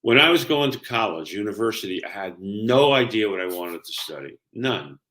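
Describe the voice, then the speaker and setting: An older man speaks in a low-pitched voice with a clear Brooklyn accent. He explains things conversationally like a career coach, leaning on key words and often checking that the listener follows. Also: animated, normal speed, fairly bright tone. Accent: New York, Brooklyn. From Brooklyn, New York. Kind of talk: conversational explaining and personal storytelling.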